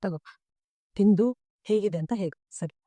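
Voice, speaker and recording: An actress playing a sorrowful, tender middle-aged mother in a TV serial, speaking softly and pleadingly. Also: mid-range voice, normal speed, no room sound, natural voice. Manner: soft, pleading, tearful at times. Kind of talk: TV serial acting.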